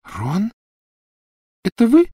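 A man voicing a dreamy, gentle girl speaking softly in a storybook reading. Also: high voice, wildly swooping pitch, drawn-out words, breathy edge, no room sound, clean studio sound, voice pushed up, full character voice.

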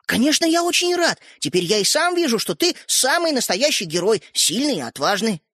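A man's voice: extremely high pitch, big pitch swings, a little fast, fairly bright tone, no room sound, studio quality, voice pushed up, exaggerated voice. A man voicing an eager, earnest young schoolboy who is anxious to please, in a storybook reading.

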